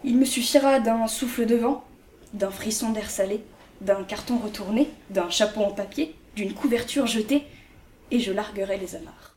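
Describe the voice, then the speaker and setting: A woman's voice: mid-range voice, normal speed, a little mellow, recorded from a distance, a little hiss or hum. A woman performing a spoken-word poem in a lyrical, rhythmic storytelling recitation. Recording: echoey room.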